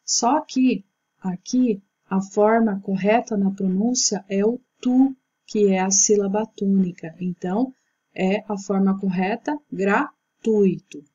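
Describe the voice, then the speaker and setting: Woman, teacher, patient explaining, husky, mellow tone. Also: mid-range voice, dull audio. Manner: slow, patient explaining with slides. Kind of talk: recorded Portuguese grammar lesson.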